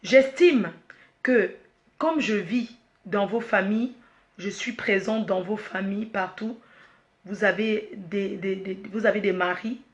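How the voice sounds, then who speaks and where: A woman, the head of her company, presenting a product launch slowly, repeating herself, restarting, and apologizing while she is emotional and choked up. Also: mid-range voice, muffled recording. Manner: slow, repetitive, with frequent restarts and apologies.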